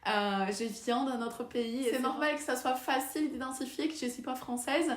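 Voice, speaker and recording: Her voice is high, her intonation fairly even and her pace moderate. This young vlogger, whose native tongue is Portuguese and whose accent is Brazilian, hesitantly addresses the camera in casual French with lots of fillers and restarts, recorded in an echoey room.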